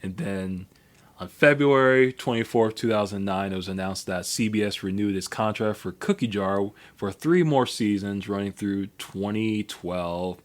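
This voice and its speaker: A man's voice: on the low side, normal speed. A man co-hosting a podcast in casual chat, rambling through a history with many fillers and restarts. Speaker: podcast co-host.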